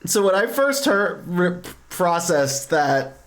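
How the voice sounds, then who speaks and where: Over a game with music playing behind, a streamer reads the game's dialogue aloud and drifts into rambling movie anecdotes. The voice is medium-pitched and sing-song, taking a slow pace in this casual gaming chat.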